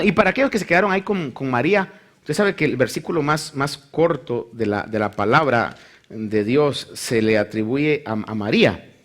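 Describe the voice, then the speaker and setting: A male pastor preaching a sermon, reading scripture and acting out the people in the story. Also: mid-range voice. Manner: animated preaching, acts out voices of the Bible story.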